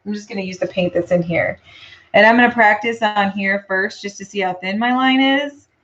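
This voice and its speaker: A woman's voice: mid-range voice, normal speed. Woman host, live painting demo, casual chatty delivery, mid-range voice, dull lo-fi sound. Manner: relaxed and chatty, frequent ums, answers viewer questions. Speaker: custom lure painter hosting a live stream. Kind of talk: live painting tutorial, thinking aloud.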